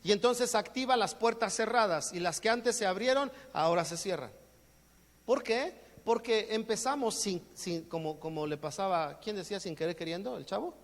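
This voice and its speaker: An expressive, high male voice at a moderate pace belongs to a pastor with a Mexican Spanish accent. His sermon is jokey, with everyday exchanges acted out, and the audio has long hall reverb.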